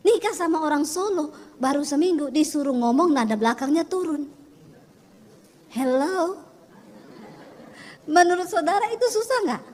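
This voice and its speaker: A middle-aged woman pastor from Sulawesi with a Sulawesi accent, preaching in an animated storytelling manner and acting out voices. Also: sits high, normal speed, pauses often, big-room sound. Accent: Sulawesi Indonesian. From Sulawesi, Indonesia. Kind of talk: sermon.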